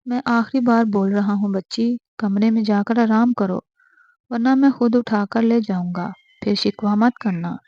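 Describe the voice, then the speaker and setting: A man's voice: high-pitched, fairly even intonation, dry recording, highs cut off. A woman voicing a stern, bossy young husband. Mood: stern commanding. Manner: stern, raises voice.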